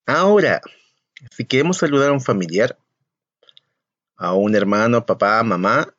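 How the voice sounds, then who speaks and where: A man teaching a language lesson to young children, repeating each word slowly and clearly for the pupils to copy, with a Chilean Spanish accent. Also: mid-range voice, no room sound. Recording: slightly muffled, dry recording.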